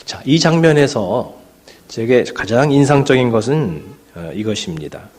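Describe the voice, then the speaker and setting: A man's voice: mid-range voice, expressive, moderate pace, a little mellow. A male pastor giving a sermon in a church, talking conversationally with frequent fillers and asides to the congregation. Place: church sanctuary.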